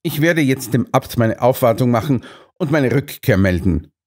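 A man's voice: mid-range voice, expressive, normal speed, a little mellow, close to an everyday voice. A man voicing an earnest, indignant doctor companion in an audiobook. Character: earnest, put-upon male doctor companion.

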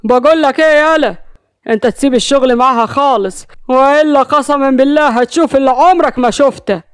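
A woman's voice: high-pitched, lively intonation, brisk, dry recording, clean studio sound. Woman doing a furious jealous village strongman. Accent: Egyptian. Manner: threatening, shouting.

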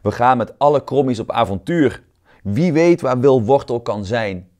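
A sporty, cool skateboarding pear from a children's picture book, as a male reader puts him on. He speaks with lively energy and a confident, breezy swagger. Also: mid-range voice, normal speed, pitched above the performer's own voice, close to an everyday voice. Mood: energetic.

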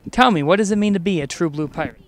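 A man's voice: sits high, fast. A young man hosting a playful campus report, enthusiastic and jokey.

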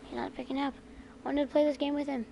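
A woman streaming a survival game, chatting casually to herself with excitable reactions and mild cursing. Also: high-pitched, fast talker, gravelly, muffled recording, noisy background. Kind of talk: casual gameplay commentary.

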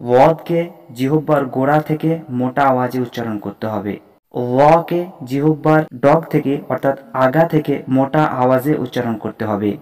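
A man's voice: mid-range voice, a little mellow. A man teaching Arabic letter pronunciation as a Quran reading teacher, explaining step by step and repeating each letter name for learners. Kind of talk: slow, deliberate instructional lesson.

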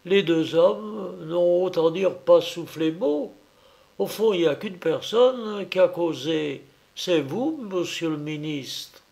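A man reading an audiobook, voicing a sly, mocking police agent in a raised, gravelly voice. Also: sits high, takes it slowly, dark tone, voice pushed up, heavily acted. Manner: ironic, taunting.

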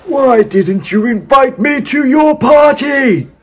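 A wicked, gloating storybook wizard, speaking high and unhurried, dragging out every word with menace. The voice is husky and swoops widely in pitch. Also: male voice, animated, full character voice. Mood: angry. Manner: slow, drawn-out, booming menace. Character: wicked cackling male wizard, cruel and gloating.

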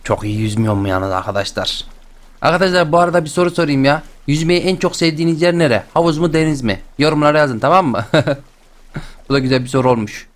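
A young man hosting a game channel, chatting and joking excitedly as he plays. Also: a little high, fast talker. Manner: chatty, excitable, jokes and exclamations. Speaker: gaming channel host. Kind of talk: playful let's-play commentary.

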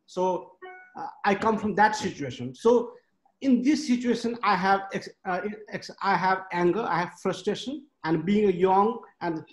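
A man's voice: sits high, normal speed, soft background music. A man in his thirties from Nepal, a panelist speaking frankly and emphatically on a webinar video call, counting off his points. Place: home study with bookshelves. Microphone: laptop webcam on a video call. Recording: echoey room on a video call.

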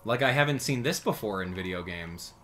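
A man in his thirties commentates casually on a gaming livestream. His pitch swings widely as he chats with viewers, giving him an animated, easygoing streamer sound. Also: fairly quick. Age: 30s. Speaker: livestream host playing a video game. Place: indoor streaming setup.

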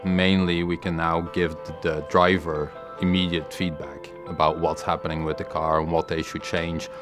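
A man's voice: sits low, flat delivery, moderate pace. A man explaining technical details in a documentary interview, matter-of-fact, often repeating words. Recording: music bed under voice. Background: music bed.

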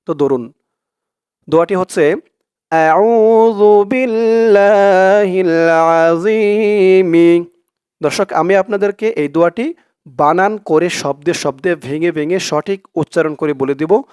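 A man teaches a prayer one syllable at a time, slow and patient, stretching the recited words. His voice sits fairly high and comes through smooth and resonant. The sound is close and dry, with no room echo. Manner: slow, patient, spells out each syllable and recites Arabic drawn out. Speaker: religious teacher.

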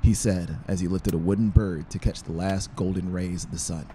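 A man in his thirties narrates scripted fiction for an audiobook in a deep, steady, mellow voice at a moderate pace. He sits close to a dynamic mic on a boom stand in a small brick-walled room indoors. Faint music and slight background noise sit behind him.

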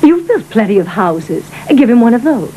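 Brief: a blunt household lady, warm dark tone, raised pitch. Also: very animated, moderate pace, slight background noise, rough recording. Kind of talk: dubbed film acting.

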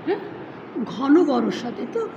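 High-voiced woman teacher, echoey lo-fi. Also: expressive. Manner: explains step by step with frequent questions to students; sounds out syllables slowly. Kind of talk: online class lecture. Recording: dull lo-fi sound with long reverb and faint noise.

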